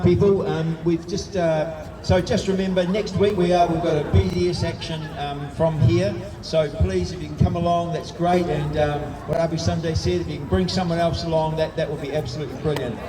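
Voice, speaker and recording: A man's voice: on the high side, fairly even intonation, brisk. A man, the organiser and MC of a rally, making friendly announcements with many fillers. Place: outdoor street rally. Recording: distant echoey outdoor recording with crowd.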